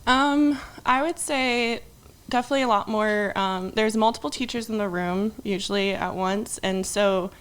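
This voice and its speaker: A young woman from Indonesia chats as a podcast guest, wandering through her sentences with plenty of "um" and "like". Her voice sits at an ordinary middle pitch. She laughs often as she talks. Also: moderate pace, a bit bright, smooth. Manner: rambling, many "um" and "like", laughs often. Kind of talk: casual interview chat.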